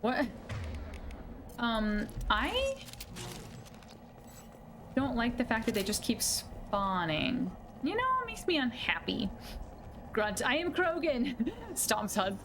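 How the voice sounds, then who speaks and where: A woman game streamer giving casual commentary, chatty, jittery and expressive. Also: on the high side, slow pace, pauses often. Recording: clear background game noise. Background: video game action.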